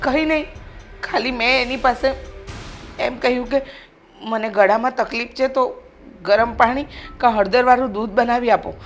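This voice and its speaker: A woman's voice: fairly high pitch, moderate pace, pauses often, soft background music, natural voice. An older woman playing a scheming widowed mother-in-law who wails and accuses in a family drama. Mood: complaining tearfully. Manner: wailing self-pity, accusing.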